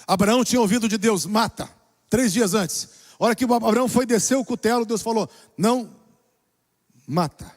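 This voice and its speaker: High-voiced preaching pastor in a hall. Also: male voice, steady tone, fast. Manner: preaching with dramatic shifts between soft and loud. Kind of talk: sermon. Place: church. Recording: long reverb of a church hall.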